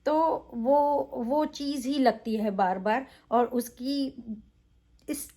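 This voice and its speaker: A woman's voice: sits high, very slow, warm tone. A woman reviewing a reality show in a casual, opinionated way, emphatic, with frequent fillers.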